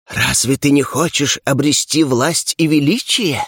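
Guy doing a hissing, arrogant darkness spirit, slow and drawn out, dry close sound. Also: medium pitch, a bit bright, slightly rough, no echo. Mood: coaxing. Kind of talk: audiobook character reading.

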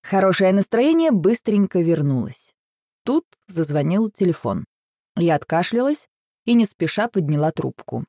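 A woman reads a first-person story with wry, ironic expression. Her voice sits a bit low and moves with lively intonation. The recording is dry and close, with no room sound. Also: moderate pace, dry recording. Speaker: narrator. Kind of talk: first-person audiobook narration.

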